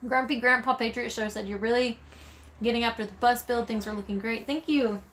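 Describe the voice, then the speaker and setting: A woman's voice: a little high, steady tone, brisk, a bit bright, slight background noise. A woman who grew up in Texas, speaking with a Texan accent, chatting casually on a live stream and reading viewer comments aloud with frequent "um"s. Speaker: vlogger reading live chat.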